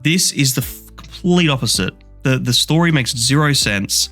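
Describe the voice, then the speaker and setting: Ranting about a film on the movie podcast he co-hosts, this man is blunt and swears freely, his energy climbing as he goes. His mid-range voice is fairly bright with lively intonation and a moderate pace, and faint music runs underneath the casual review chat.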